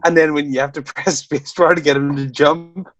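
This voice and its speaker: A man's voice: a little high, steady tone, fairly quick, lo-fi sound. A man, co-hosting a podcast in casual chat, rambling and restarting his sentences and laughing often. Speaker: podcast co-host.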